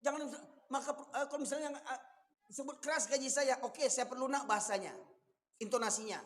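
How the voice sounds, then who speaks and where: A man with a Minangkabau accent preaching a fiery sermon, forceful, rising to shouts and firing rhetorical questions. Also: very high voice, brisk. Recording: long reverb from a large hall.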